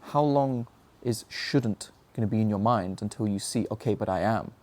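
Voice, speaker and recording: In a reflective motivational monologue, a young adult man earnestly searches through his own struggles, often posing questions to himself. His voice sits fairly low with a darkish tone, and he speaks at a normal speed.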